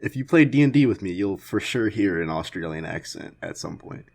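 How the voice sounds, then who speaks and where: A woman's voice: rumbling low, lively intonation, brisk, darkish tone. A woman guest on a podcast in casual chat, dropping dry joking asides.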